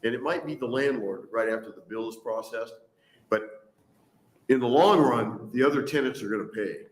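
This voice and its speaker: A man's voice: mid-range voice, moderate pace, echoey room, rough recording. A man testifying at a hearing as a landlord and auctioneer, talking casually and wryly. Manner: casual, conversational, wry. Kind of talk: spoken testimony. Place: hearing room.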